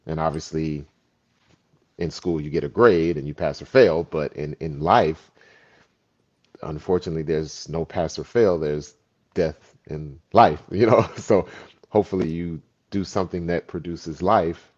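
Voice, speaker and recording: A man with a very low, deep voice talks through his thoughts in a relaxed chat, building his points slowly with stories. The sound is dull and a bit lo-fi. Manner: reflective, storytelling. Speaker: actor. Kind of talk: casual chat.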